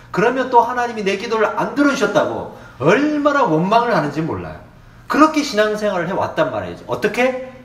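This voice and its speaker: A male pastor preaching a Sunday sermon with a Gyeongsang Korean accent, animated and acting out the quoted prayers and dialogue. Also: high voice. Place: church sanctuary. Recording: echoey church room.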